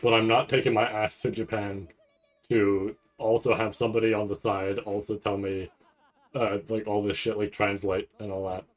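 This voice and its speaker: Here a livestream host reacts to an anime event in a fairly low, flat voice at a moderate pace. The talk is casual and meandering, full of thinking aloud and now and then some swearing.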